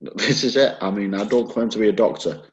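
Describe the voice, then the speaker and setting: Male podcast co-host, very low voice, dry and wry delivery. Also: fairly quick, highs cut off. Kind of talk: casual chat.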